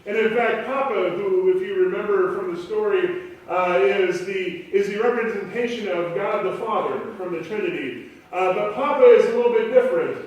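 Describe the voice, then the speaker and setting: A man's voice: high voice, normal speed, highs cut off. A male pastor giving a conversational, story-driven sermon. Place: church sanctuary. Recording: echoey church room from far off.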